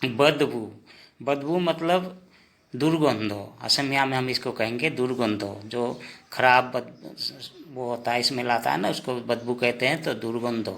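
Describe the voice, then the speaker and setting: A man giving a vocabulary lesson, saying each word slowly and repeating it several times. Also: mid-range voice, gravelly, fairly bright tone. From India. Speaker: language teacher. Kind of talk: slow spoken vocabulary lesson.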